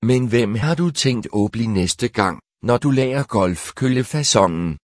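A man's voice: mid-range voice, animated, no room sound, clean studio sound, close to an everyday voice. A man reading the lines of a curious man who keeps asking questions.

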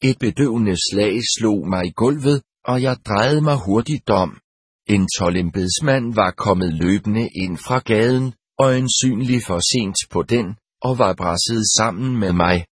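A man narrating an audiobook in the first person, in a steady, measured reading. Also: fairly low pitch, husky, no echo, clean studio sound.

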